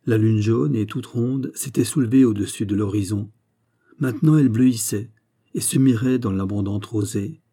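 A man reading a classic fairy tale aloud in a measured, expressive storybook narration. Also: fairly low pitch, breathy edge.

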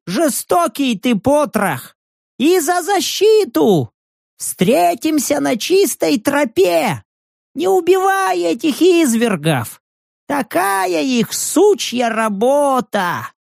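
A man voicing a cheeky old male tramp who shouts back in a high, cracked voice in an audiobook. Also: sing-song, slow pace, vocal fry, no echo, studio quality, heavily acted. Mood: cheeky shouting.

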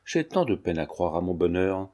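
A man's voice: low-pitched, very animated, normal speed, warm tone, pitched below the performer's own voice. A man reading the lines of an anxious young woman in an audiobook, asking worried questions. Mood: pleading. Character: anxious young lady of the house.

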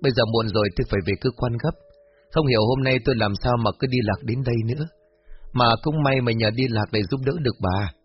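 Brief: man playing a kind young man, polite and modest, husky voice, muffled sound. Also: mid-range voice, fast, natural voice. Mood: hurried. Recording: muffled lo-fi with faint music.

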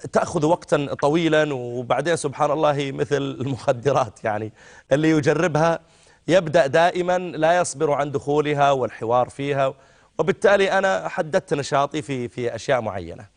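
Saudi sheikh guy answering callers, talks fast, fatherly way of addressing people. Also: a little high. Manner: avuncular, addresses callers as my son. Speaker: religious scholar answering callers. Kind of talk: religious call-in advice.

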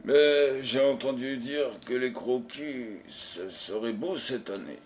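A man doing a calm, mocking detective. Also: mid-range voice, slow, a little hiss or hum, lightly acted. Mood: ironic. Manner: unruffled, mocking, honeyed. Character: calm, ironic male detective. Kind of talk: audiobook character reading.

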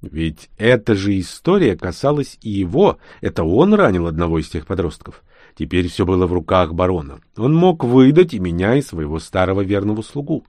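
Expressive male audiobook narrator. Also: low voice, moderate pace, no room sound, clean studio sound. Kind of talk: first-person fiction reading.

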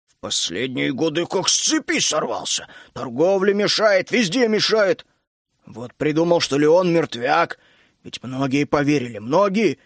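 A man reading an audiobook, voicing a grumpy middle-aged dragon keeper who grumbles and scolds in a lower, heavier voice. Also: expressive, measured pace, no echo, clean studio sound. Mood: grumbling. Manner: grumbling, scolding, bursts out hotly. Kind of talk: audiobook character voice.

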